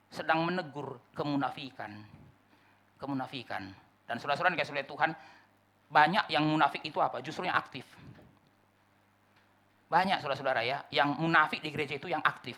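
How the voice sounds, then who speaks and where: A man preaching a sermon as pastor, addressing the congregation again and again, acting out little dialogues and dropping suddenly to a hush. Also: a little high, creaky. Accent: Indonesian, Manado area.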